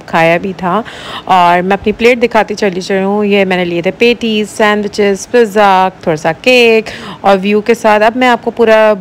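A young woman from Pakistan narrating her travel vlog in a casual, chatty voice-over, pausing often with "uh". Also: mid-range voice, a little hiss or hum. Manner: chatty, relaxed, with many "uh" pauses. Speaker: vlogger.

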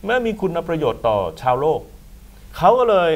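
A man's voice: on the high side, big pitch swings, normal speed. A man hosting a football talk show in a studio, lecturing with emphatic, rambling asides.

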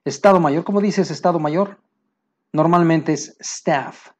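A man with a Mexican Spanish accent teaching military vocabulary, pausing to say each English term slowly and plainly. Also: fairly high pitch. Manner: explains terms, slows down for English words. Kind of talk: vocabulary lesson.

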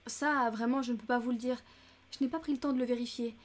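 A woman's voice: on the high side, steady tone, quick pace, lightly acted. A woman reading an audiobook, voicing a talkative, fussy and easily upset older American lady who chats and protests with indignation. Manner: chatty and indignant.

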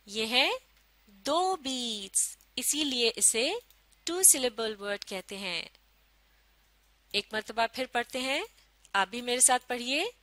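A woman leads a children's phonics lesson, spelling each letter out slowly and patiently. Her voice sits a little high and sounds bright, recorded dry and close with no room sound. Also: no echo. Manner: slow, patient, spells letters out and praises pupils. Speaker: English teacher.

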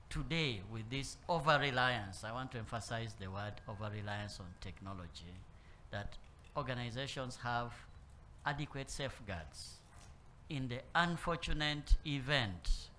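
A man addresses a conference room in a measured, unhurried way, often restarting his phrases and filling pauses as he goes. His voice sits at an ordinary middle pitch for a man. A faint hum of room ambience lies under his speech. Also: pushed and bright. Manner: measured, with frequent repeats and fillers. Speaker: panel speaker on corporate governance. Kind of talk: spoken panel talk. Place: conference room with live and online audience.

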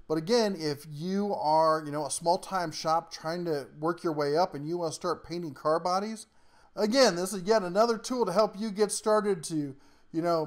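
A man with a somewhat high voice runs down a list of tools in casual, folksy shop talk. He rambles between points and chuckles often, like someone chatting from his garage workbench. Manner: down-to-earth workshop slang. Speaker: tool review channel host. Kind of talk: casual product rundown.

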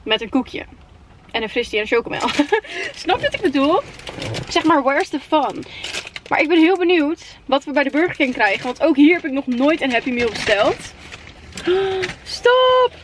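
A woman in her twenties with a Netherlands Dutch accent, chatting casually and excitably to camera with English slang mixed in. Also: high voice, moderate pace. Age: 20s. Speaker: vlogger. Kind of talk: casual vlog chat. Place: inside a parked car at night. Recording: faint background noise in car.

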